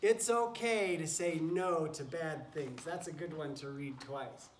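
In an unhurried, fairly high voice, a man reads a picture book to children as a teacher might, breaking off now and then to speak to the animals and chatting encouragingly. He stands among goats and chickens in a wooden barn pen with straw. A camera mic a few feet away captures the roomy, noisy barn.

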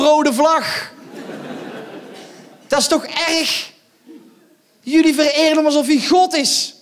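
Male stand-up comic, high-pitched voice, loud and mocking, teasing the crowd from a theatre stage. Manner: loud, mocking, goading the audience with rhetorical asides. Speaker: stand-up comedian. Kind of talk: live stand-up performance.

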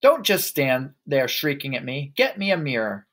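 A man voicing a hot-tempered middle-aged father in a storybook, yelling indignantly. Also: medium pitch, big pitch swings, moderate pace. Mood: angry panic.

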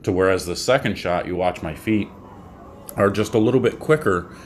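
A man in his thirties, a bowling coach, giving a casual tip to camera from a small room at home, talking in a relaxed, rambling way with fillers and restarts. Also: deep voice, moderate pace, a little hiss or hum.

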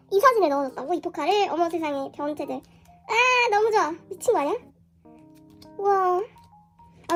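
Girl on a voice changer, super high squeaky pitch, kinda hoarse, squeals a lot, music in the back. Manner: squeals and gushes often. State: hoarse from illness. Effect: pitch-raising voice changer. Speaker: album unboxing vlogger. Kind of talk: casual excited unboxing chat.

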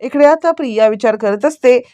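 Female recap narrator; steady, higher voice, storytelling. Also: normal speed, clean tone. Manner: steady storytelling, linking phrases. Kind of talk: retelling a TV serial episode.

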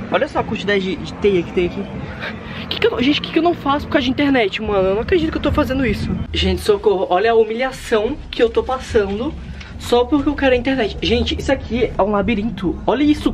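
A young man with a Brazilian accent and a somewhat high voice vlogs into a handheld camera. He talks excitably and theatrically, always turning to his audience, over a light background hiss. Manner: excitable and dramatic, constantly addressing viewers. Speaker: vlogger. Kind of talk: casual vlog talk to viewers.

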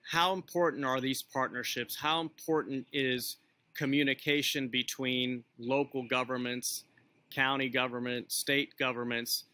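A man in his forties moderating a video call interview from outdoors, asking long measured questions with fillers. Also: mid-range voice, fairly even intonation, sharp tone, no room sound. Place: outdoors by the water.

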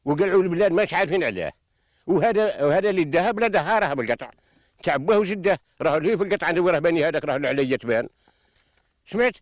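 A man's voice: a little high, animated, very fast, no echo. An older man with a western Algerian accent, a farmer giving impassioned, insistent testimony into a handheld microphone outdoors, repeating himself in an aggrieved manner. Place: outdoors in open farmland. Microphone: handheld reporter microphone.

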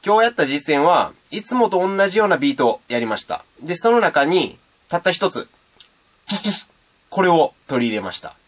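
Lively man teaching beatboxing. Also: fairly high pitch, moderate pace. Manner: lively, playful, demonstrates sounds. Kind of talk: casual video tutorial.

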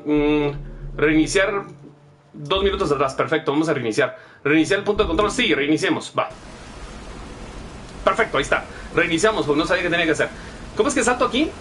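A man's voice: on the high side, lively intonation, brisk, pauses often, fairly bright tone, slight background noise, low-quality recording. A young man with a Guatemalan Spanish accent giving profane, chatty live gameplay commentary and reading chat messages aloud. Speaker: gaming streamer.

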